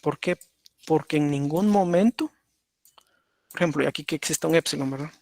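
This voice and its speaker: A man's voice: a little high, a little fast, vocal fry, a little mellow, no room sound. A man teaching a lesson at his computer, explaining step by step and checking in with "right?" as he draws. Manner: explanatory, repeats "por ejemplo" and "¿verdad?". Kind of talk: lecture on automata.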